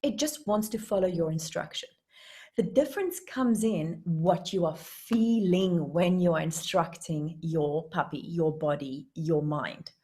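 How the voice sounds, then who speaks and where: A woman with a South African accent teaching a hypnotherapy webinar, animated and acting out little voices to make her points. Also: lowish voice, a little slow.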